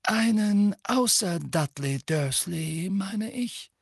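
A man doing a gentle, courteous old wizard. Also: sits high, lively intonation, creaky, husky, no echo, studio quality, voice pushed up, heavily acted. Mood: polite. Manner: gentle, amiable, measured.

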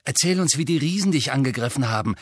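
A man voicing an impatient teenage boy in an audiobook, raised and hurried. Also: mid-range voice, lively intonation, breathy edge, no echo, clean studio sound, pitched above the performer's own voice. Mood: urging. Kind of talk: audiobook character voice.

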